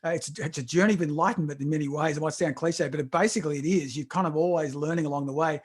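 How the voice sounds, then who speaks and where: Rapid male interviewer, lightly high pitch, restarts often. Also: breathy edge. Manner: fast, restarts words often. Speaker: podcast host. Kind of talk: casual interview chat.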